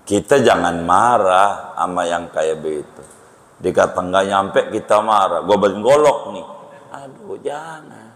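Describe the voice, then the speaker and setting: Slow-talking preacher in a reverberant hall. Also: male voice. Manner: joking, conversational preaching with sudden jumps in pitch. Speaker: Islamic preacher. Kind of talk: sermon.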